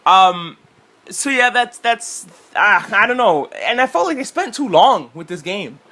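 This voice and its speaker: A man with a high, bright, ringing voice talks his way through a games showcase recap. He rambles casually, glances at his notes and swears without thinking about it. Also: very animated, unhurried. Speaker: co-host. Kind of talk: casual game-showcase reaction chat.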